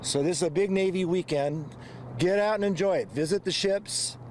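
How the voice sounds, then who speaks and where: Older male veteran interviewee, enthusiastic, higher voice, light outdoor hum. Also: moderate pace. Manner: enthusiastic, proud. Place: outdoors at a riverside venue.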